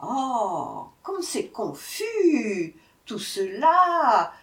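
A woman voicing a sly male jackal who plays dumb in a storybook tale, whining in a high, drawn-out, fretful voice. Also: wildly swooping pitch, a bit bright, exaggerated voice. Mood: whiny feigned confusion. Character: sly male jackal feigning silly confusion. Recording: echoey room, voice from far off.

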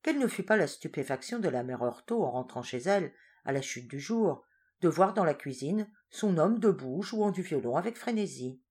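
A woman narrating a story aloud in a fairly low voice. She reads at a measured pace and slows for the descriptive passages. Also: lively intonation, a little mellow, husky. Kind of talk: storybook reading.

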